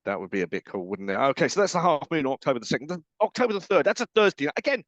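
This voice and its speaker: An English man, rather high-voiced and very lively in pitch, rattles along quickly as a radio host. He jokes and teases his guest, tripping over restarts as he goes. The sound is dry and a little dull. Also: no echo. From England. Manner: jokey, teasing, rambling with restarts. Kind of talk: casual on-air interview chat.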